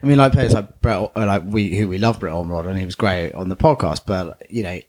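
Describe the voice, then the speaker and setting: A man's voice: sits low, brisk, a little mellow. A man co-hosting a podcast, chatting casually about football with lots of fillers. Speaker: podcast co-host.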